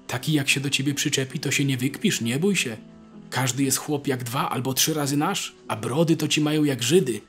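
A man's voice: mid-range voice, big pitch swings, normal speed, sharp tone, faint music behind. A man voicing a shrewd, boastful older peasant soldier who talks in a folksy rural dialect, scaring his comrade. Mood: boastful, scaremongering.

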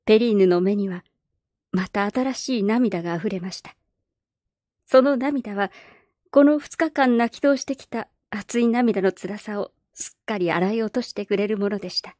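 A woman narrating a classic novel aloud in a calm, measured storybook reading. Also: medium pitch, dry recording, studio quality.

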